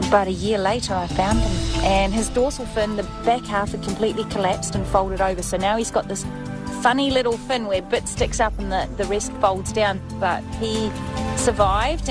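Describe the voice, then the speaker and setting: A woman speaking as a researcher in an unscripted documentary interview. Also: mid-range voice. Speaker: orca researcher. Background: music.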